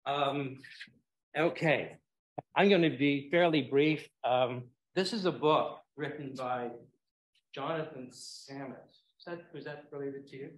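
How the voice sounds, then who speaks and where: A man's voice: mid-range voice, a little slow. An older man giving an informal, anecdotal speech to an audience, rambling and hesitating as he goes. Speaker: speaker giving closing remarks. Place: indoor lecture room, speaking through a face mask. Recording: echoey room, voice off-mic at times.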